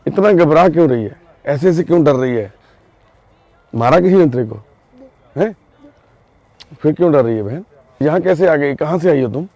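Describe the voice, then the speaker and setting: Punjabi accent guy doing an outdoor vlog by the tracks, gentle and coaxing, a bit high voiced, super dry sound. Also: lively intonation, moderate pace, long pauses, no room sound. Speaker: vlogger helping a lost child. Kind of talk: on-the-spot field vlog. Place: outdoors by a railway crossing at night.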